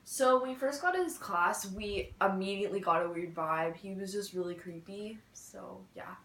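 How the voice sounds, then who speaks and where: A woman's voice: medium pitch, moderate pace, fairly bright tone. Chatty teen girl in an echoey room. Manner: chatty, many "like" and "so, yeah" fillers. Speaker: vlogger. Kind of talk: casual storytime chat.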